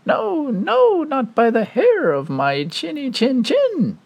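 A man doing a squeaky little pig. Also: huge pitch swings, slow, creaky, dull audio, exaggerated voice. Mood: chirpy. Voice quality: high squeaky voice. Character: small clever male little pig, cheerful.

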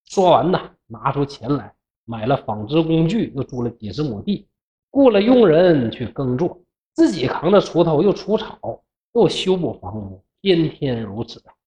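Northeastern Mandarin storyteller, colloquial and expressive, very lively pitch, dull lo-fi sound. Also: moderate pace. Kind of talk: humorous classical tale narration. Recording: dull lo-fi recording.

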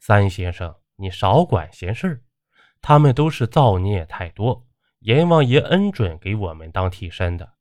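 A man's voice: on the low side, very animated, unhurried, a little mellow, no echo. A man voicing an unseen male water ghost with a sly, matter-of-fact manner. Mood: dismissive.

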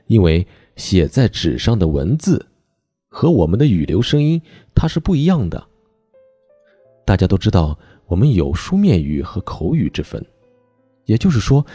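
A man teaching voice training in a recorded online lesson, explaining step by step and stressing key words with sudden jumps in pitch. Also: dark tone, breathy edge, no echo.

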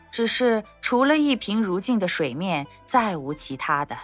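Expressive female audiobook narrator. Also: a little high. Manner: expressive storytelling, lively intonation.

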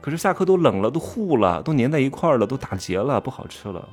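A man giving an animated monologue lecture, firing rhetorical questions and stressing key words. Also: mid-range voice, fast talker, husky, faint music behind. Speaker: commentator teaching expression.

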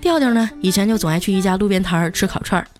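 A woman with a mid-range, slightly mellow voice races through comic anecdotes as a host, chatty and scripted, landing each punchline over soft background music.

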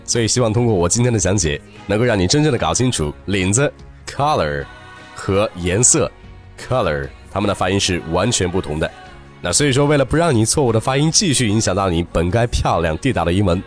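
Man, pronunciation teacher; animated delivery, lowish voice, slow drawn-out demo words. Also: soft background music. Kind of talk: lively spoken lesson.

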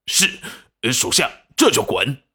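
A man voicing a calm young male guard who is dutiful, with a flat, deferential way of talking. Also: mid-range voice, slow, breathy edge, exaggerated voice.

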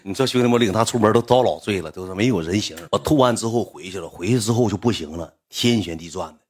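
A man with a Northeastern Chinese accent telling a rambling, rough-spoken story to a live audience. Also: lowish voice, fast talker. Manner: rambling, rough-spoken, swings loud when animated. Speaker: livestream storyteller.

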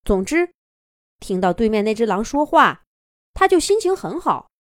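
A woman narrating a children's fairy tale in a lively, expressive way. Her fairly high voice swings widely in pitch. The recording is close and dry. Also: normal speed, no room sound. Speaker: children's storyteller. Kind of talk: storybook narration.

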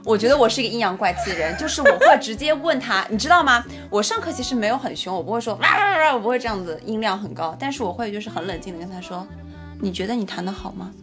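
Calm, dry-humored woman co-host. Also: medium pitch, very fast, few pauses, music in the background. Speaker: podcast co-host and music teacher. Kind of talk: casual chat.

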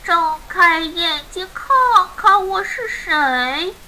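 A woman voicing a tired reindeer who pleads slowly and helplessly for shelter. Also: very high-pitched, expressive, pushed and bright, a little hiss or hum, pitched above the performer's own voice, full character voice. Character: weary, homeless reindeer.

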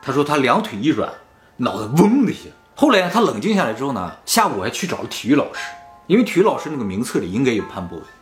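A man's voice: mid-range voice, fast talker, reverberant, soft background music. A man hosting a casual chat, telling a spooky story and acting out the quoted lines. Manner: animated, acts out quoted lines. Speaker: storyteller host.

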